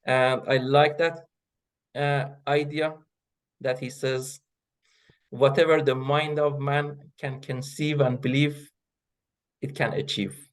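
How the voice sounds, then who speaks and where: A middle-aged associate professor of linguistics, a native Persian speaker, answers interview questions in English. His mid-range voice stays fairly even as he proceeds in measured steps, hesitating with frequent fillers and restarting words before completing his thoughts.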